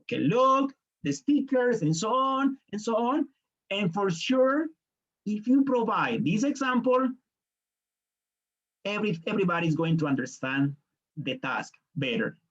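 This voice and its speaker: Leading an online teaching workshop, this Colombian man speaks Spanish with a Colombian accent, walking through each step and now and then voicing students and parents. His high, fairly bright voice has a sing-song lilt and a measured pace. The sound is lo-fi.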